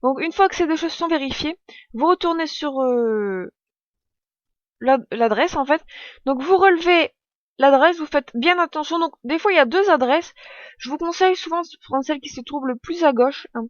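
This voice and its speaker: A woman in her twenties, a tutorial vlogger, walks through a casual screen-recorded tutorial step by step, chatty and often correcting herself. Her voice is high-pitched at normal speed, with no echo but dull audio.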